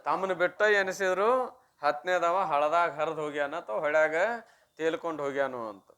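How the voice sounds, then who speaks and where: A man with a fairly high voice gives a religious discourse in a North Karnataka Kannada accent. He tells a teaching story in a homely, conversational way. He often throws questions to the listeners and then answers them himself. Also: moderate pace, a bit bright. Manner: acts out the story's dialogue. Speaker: swami giving a religious discourse.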